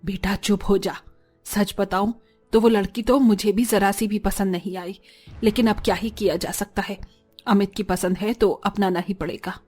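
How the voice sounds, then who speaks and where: A woman's voice: medium pitch, steady tone, normal speed, a little mellow, faint music behind, lightly acted. A woman voicing a haughty middle-aged mother in a cartoon story, speaking in a cold, dismissive way.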